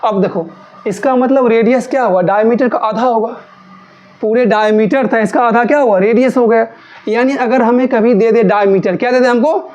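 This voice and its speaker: Speaking at a moderate pace in a slightly high, darkish voice, a female maths teacher asks her class questions, answers them herself, and repeats key terms again and again to coax the students along. The recording is muffled.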